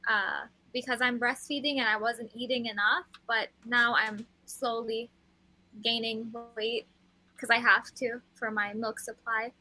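Young woman from Kuwait, podcast guest, earnest and open, bright tone. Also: a little high, fairly even intonation, unhurried, poor audio. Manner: open, earnest, filler-laden. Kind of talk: casual chat.

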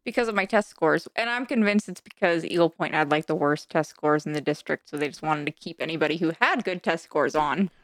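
A young adult woman with a slightly low voice. She speaks in an informal, conversational way, as in a casual chat. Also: brisk, hardly any pauses, dry recording.

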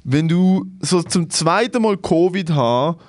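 A man's voice: on the high side, slow pace, no echo, clean studio sound. Swiss man telling stories animatedly. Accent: Swiss German. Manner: animated storyteller, acts out quotes, laughs often. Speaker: comedian, podcast co-host. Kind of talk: casual chat, storytelling.

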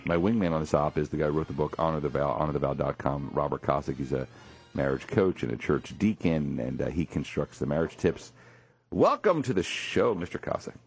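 A male radio show host in a morning talk show, animated and jokey, with a husky voice. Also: brisk, faint music behind. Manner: animated, jokey, swings high for emphasis. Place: radio studio.

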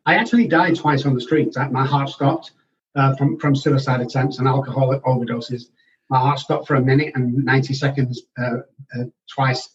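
Here the same kind of speaker appears: a middle-aged Englishman with a Manchester accent, frank and matter-of-fact, sharing personal stories as an interview guest and often starting over mid-sentence. His mid-range voice stays steady at a moderate pace, captured on a dull, faraway-sounding remote line.

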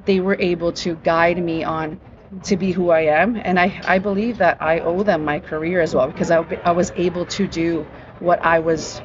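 A woman's voice: lowish voice, steady tone, normal speed, dull audio, slight background noise. A woman being interviewed as a guest about her work in education, speaking in a heartfelt way and often restarting her sentences. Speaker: guest, college education professional. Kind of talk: conversational interview. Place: busy conference floor. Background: crowd chatter.

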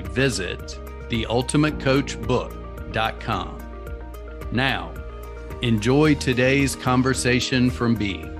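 A man reading a scripted podcast intro in a slow, measured way. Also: mid-range voice. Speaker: podcast announcer. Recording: music bed under voice.

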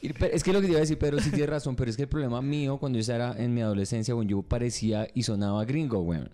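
A man, co-hosting in rapid, slang-filled casual chat. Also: medium pitch, warm tone. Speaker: co-host.

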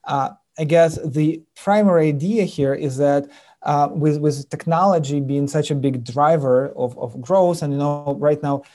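A man from Ukraine with a Ukrainian accent, a sales executive speaking as an interview guest, halting with many fillers and restarts. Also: a little high, mellow. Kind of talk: interview conversation.

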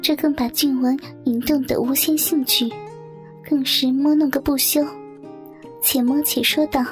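A woman narrates a story in a high, soft voice. Her reading slips at times toward a whisper. Gentle guitar music plays behind her. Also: steady tone, unhurried.

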